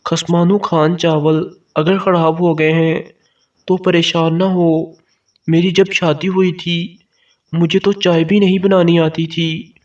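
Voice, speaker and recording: A man voicing a kind older mother-in-law who speaks gently and reassuringly, in a storybook reading. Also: fairly high pitch, flat delivery, lightly acted. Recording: dull, distant mic sound.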